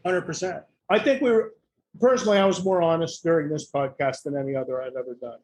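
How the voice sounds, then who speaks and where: A man's voice: fairly high pitch, fast talker, a little mellow. A middle-aged or older man talking casually on a panel in a blunt, salty, joking way. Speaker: fire service podcast panelist.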